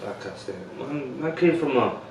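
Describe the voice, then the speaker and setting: A man's voice: mid-range voice, expressive, moderate pace, roomy sound, distant mic, a little hiss or hum, low-quality recording. A man with a London accent, talking as a guest in a casual interview, in laid-back street slang with plenty of fillers. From West London.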